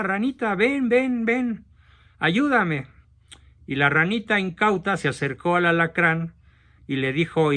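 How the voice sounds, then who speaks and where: Host: Mexican man, frank storyteller, slightly high voice, slow and deliberate. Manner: frank, direct, forceful. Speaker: host of a talk session. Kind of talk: storytelling talk.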